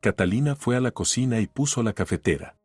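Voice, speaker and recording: A man narrating a family drama in an even, steady audiobook story reading. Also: mid-range voice, fast talker, breathy edge, dry recording, clean studio sound, faint music behind.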